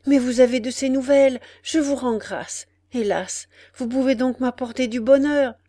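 Brief: desperate pleading old widow, high and loud, as a female reader puts her on; dry close sound. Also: moderate pace, no room sound. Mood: eager. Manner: pleading, exclaiming. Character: poor old widowed mother, anguished and pleading.

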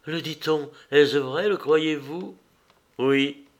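A man's voice: on the high side, takes it slowly. A man reading Acté, a fearful young Greek woman. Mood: pleading. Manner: pleading, tender reading. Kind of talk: audiobook reading.

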